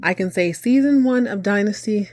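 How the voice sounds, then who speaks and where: A woman's voice: medium pitch, normal speed, darkish tone, dry recording. A woman hosting a TV recap show with casual, chatty commentary and a campy, sassy, theatrical delivery. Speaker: host of a TV soap recap show.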